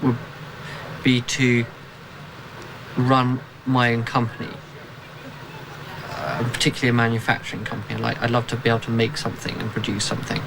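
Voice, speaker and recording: In a noisy field recording, a young newly minted army officer gives formal, hesitant interview answers, groping for the right words with long pauses. His mid-range voice is gravelly and monotone, and he speaks a little fast.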